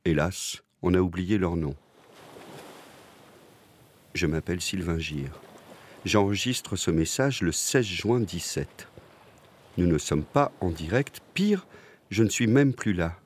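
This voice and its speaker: A man hosting a podcast with intimate, close-to-the-ear scripted narration and a playful, deadpan manner. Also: low voice, slow, pauses often, slight background noise. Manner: speaking close into the listener's ear; playful, tongue-in-cheek deadpan. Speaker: podcast host.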